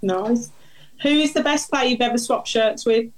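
High-voiced Brummie woman asking questions. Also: normal speed, rough recording. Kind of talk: quick-fire interview questions.

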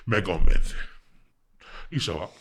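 A man with a very low voice and a Spain Spanish accent tells his own story as a podcast guest. He rambles casually and keeps checking that the listener is following him. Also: slow, a crowd in the background. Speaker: guest, former drug trafficker.

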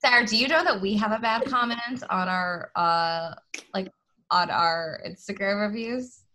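An American woman hosts a casual podcast recap. Her voice is bright and medium in pitch, with vocal fry. She talks in a chatty Valley Girl manner. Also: measured pace. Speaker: podcast host.

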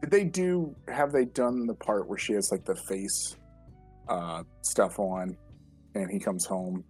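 A man's voice: on the low side, measured pace, a little mellow, breathy edge, soft background music. A man co-hosting a casual chat about TV, mostly chiming in with short agreeing remarks. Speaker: podcast co-host.

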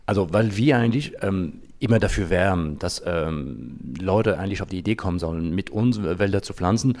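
The founder of an environmental association answers interview questions off the cuff, halting often and pausing long as he hunts for words. He has a deep voice with a darkish tone.

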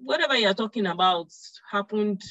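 A woman's voice: mid-range voice, expressive, moderate pace, fairly bright tone, dry recording. A woman host with a mid-range voice asks questions and keeps affirming her guest. The audio is dry and dull, with no room sound. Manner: affirming, frequent murmured agreement. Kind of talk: interview hosting.

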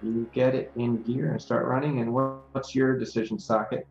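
Male game master, halting tabletop narration, mid pitch, muffled echoey sound. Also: little pitch movement, a little mellow. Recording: muffled, echoey room, faint music.

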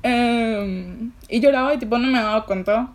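Higher-voiced young Paraguayan woman, rambling. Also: normal speed. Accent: Paraguayan Spanish. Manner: rambling, filler-heavy storytelling. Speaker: podcast co-host. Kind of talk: casual chat.

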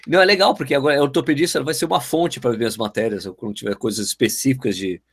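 A man's voice: medium pitch, rapid-fire, breathy edge. A man hosting a casual podcast chat, talking in a teasing, laid-back way. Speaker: podcast host.

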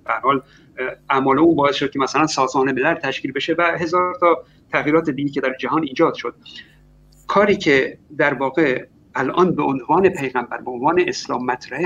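A man arguing his side in an online debate, speaking in a measured way and pausing often with filler sounds. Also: fairly high pitch, fairly bright tone, muffled recording, slight background noise. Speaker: debater arguing against religion.

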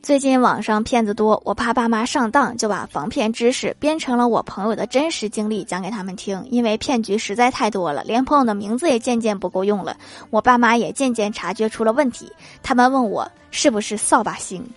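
A woman's voice: fairly high pitch, brisk, hardly any pauses. A woman hosting a comedy podcast, reading funny anecdotes and laughing at her own punchlines. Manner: lively, laughing asides after punchlines. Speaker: podcast host reading jokes. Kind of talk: comic storytelling with acted quotes. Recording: faint background music.

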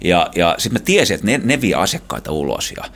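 A middle-aged man from Finland tells adventure stories as an interview guest. His voice sits low but moves up and down a lot. He laughs often and restarts his sentences as he goes. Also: big pitch swings, a bit bright. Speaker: guest, explorer. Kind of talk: casual storytelling.

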